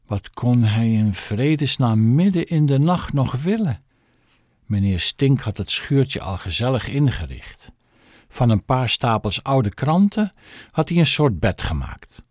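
A man reads a children's audiobook aloud in an expressive, storytelling style. The scripted narration is in a mid-range voice, recorded dry with studio quality.

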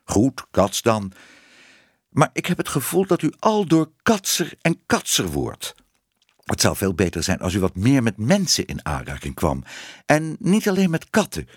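A man's voice: medium pitch, wildly swooping pitch, measured pace, breathy edge, no echo, clean studio sound, full character voice. A man reading a storybook aloud, voicing a shy, fussy man who lectures and exclaims while trying to be strict. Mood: lecturing. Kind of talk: audiobook reading.

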